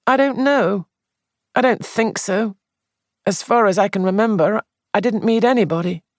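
A reader voicing a distraught young man accused of murder, pleading in a high, shaky voice. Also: moderate pace, no room sound, studio quality, natural voice. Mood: panicked. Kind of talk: audiobook character voice.

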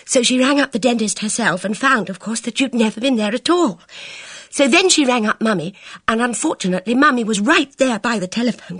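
Woman reader doing a jittery young girl, pitched way up and loud, close dry sound. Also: no echo. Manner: breathless, high and agitated. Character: anxious excitable young woman on the phone. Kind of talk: audiobook character reading.

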